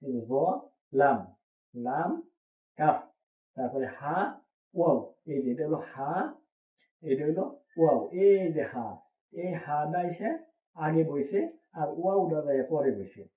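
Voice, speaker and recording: A male Quran reading teacher with a fairly high voice runs a patient, step-by-step drill of letter names. Each pair gets slow repetition and a pause for checking questions, all heard through thin, phone-like audio with a hollow, echoey ring.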